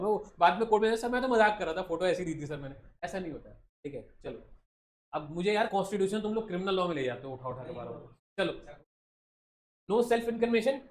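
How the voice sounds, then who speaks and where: A fast, slightly high-voiced man with an Indian accent lectures a class on law, mixing English legal terms into his talk and joking with students. He keeps asking tag questions and calls his students beta. Faint room noise sits behind the classroom recording. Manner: joking, animated, addresses students as beta, many tag questions like thik hai. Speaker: law entrance coaching teacher.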